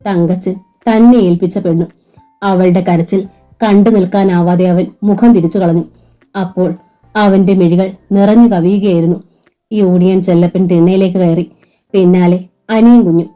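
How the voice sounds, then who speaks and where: A woman narrating a novel aloud in a steady, emotive storytelling manner. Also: fairly low pitch, moderate pace. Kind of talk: novel reading. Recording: muffled lo-fi recording with faint music.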